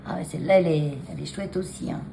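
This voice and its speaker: A woman's voice: low-pitched, rapid-fire, vocal fry, mellow, slight background noise. A woman chatting to her phone camera at her desk, showing handmade cards, hesitant with many fillers and restarts. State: clearing a frog in her throat. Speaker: craft vlogger showing cards. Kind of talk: casual chat to camera. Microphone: phone camera on a taped stand.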